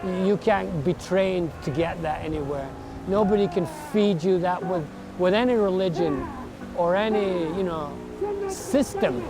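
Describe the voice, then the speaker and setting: A Scottish man in his sixties, reflecting in a documentary interview, thoughtful and earnest, pausing and repeating words as he searches for them. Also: sits high, animated, music in the background. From Scotland. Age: 60s. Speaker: barefoot walker interviewed.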